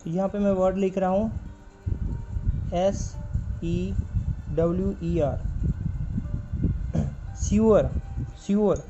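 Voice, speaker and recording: A man's voice: high-pitched, level tone, slow pace, pauses often, over music. A man teaching a stenography class. He explains patiently, repeats key points and spells out letters as he writes. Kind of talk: step-by-step spoken lesson while writing. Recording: dull lo-fi recording.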